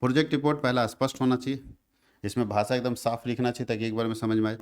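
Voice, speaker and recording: A man's voice: medium pitch, steady tone, fast talker, darkish tone, smooth. A male teacher giving an exam revision lecture. He goes over each point twice and keeps checking that students follow.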